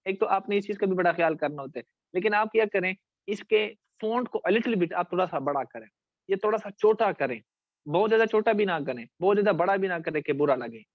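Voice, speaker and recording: A man with a Pakistani Urdu accent teaching a class on essay writing, talking to his students directly and checking whether they follow. He stretches words out slowly to show their syllables. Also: high-pitched, lively intonation, no echo, phone-quality sound.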